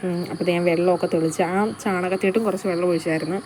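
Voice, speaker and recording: A young woman rambles along quickly in a chatty home vlog, her voice slightly rough from an allergy. She is recorded outside in a yard, with loud ambient noise, insects and animals all around. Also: on the low side, flat delivery, poor audio. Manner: chatty, rambling, often trails off. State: voice changed by allergy, sneezy. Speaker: vlogger. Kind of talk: casual vlog narration.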